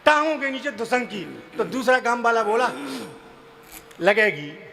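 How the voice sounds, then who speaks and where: A man performing comic poetry on stage, telling stories with acted quotes and slow, chanted verse lines. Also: extremely high pitch, animated, vocal fry, bright, forceful tone, soft background music. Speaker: comic poet. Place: live stage event.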